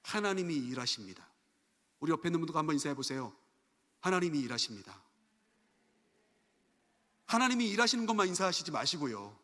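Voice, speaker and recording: A man's voice: a little high, big pitch swings, fairly quick, long pauses, sharp tone. A man pastor preaching an earnest sermon full of rhetorical questions at a Wednesday church service. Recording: echoey church sanctuary.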